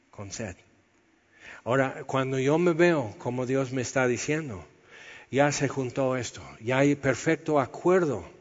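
A man preaches a sermon, his voice sitting on the higher side. He teaches in a conversational, explanatory way. The sound is dull and slightly muffled, with a long reverb trailing off in a church hall.

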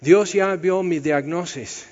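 Higher-voiced preacher in a reverberant hall. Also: male voice, takes it slowly, darkish tone. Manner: conversational teaching, explaining verse by verse. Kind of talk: sermon. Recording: dull sound with long hall reverb.

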